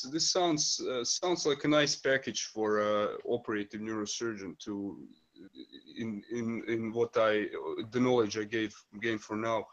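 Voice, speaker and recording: Male interviewer, medium pitch, courteous and hesitant, phrasing questions in a roundabout way.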